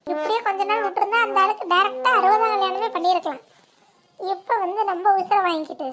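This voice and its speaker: A woman's voice: very high voice, fairly even intonation, fast talker, crowd noise. A woman acting a fretful village mother and her chatty relatives in a comic family skit, with dramatic gossiping talk.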